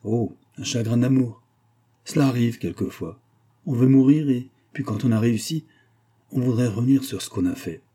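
Man reading a blunt, grave old doctor, dark husky voice, measured. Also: medium pitch, pitched above the performer's own voice, lightly acted. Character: grave older male doctor, blunt but calm.

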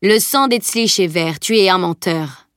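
A woman voicing a calm, quiet adult male swordsman in a storybook reading, speaking evenly and curtly. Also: on the low side, unhurried, clean tone, dry recording. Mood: cool. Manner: calm and dry.

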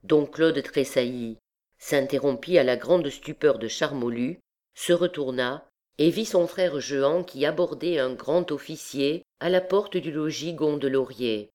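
A woman narrating a classic novel audiobook in a steady, measured reading. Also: low-pitched.

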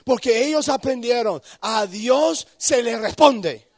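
A man preaching a sermon at a youth conference, asking listeners questions by name and swinging from quiet low warnings to high shouted pleas. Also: expressive, slow, dry recording, studio quality. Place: conference hall.

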